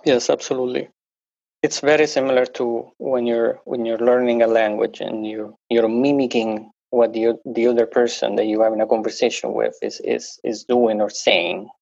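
In a dull, dry, lo-fi recording with no room sound, a male podcast guest speaks English as a second language in a relaxed interview. His mid-range voice is gravelly and a little mellow, at a normal speed, and his speech is full of fillers and restarts.

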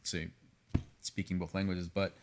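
A man, a pastry chef, talking candidly in a casual podcast conversation, animated, cursing freely and often restarting his sentences. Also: sits low, a little slow. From United States, raised partly in Venezuela.

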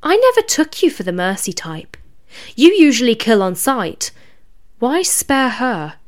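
A woman's voice: a little high, big pitch swings, unhurried, voice pushed up. A woman voicing a sly male raven demon soldier with a prying, slightly raised voice. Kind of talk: storybook reading.

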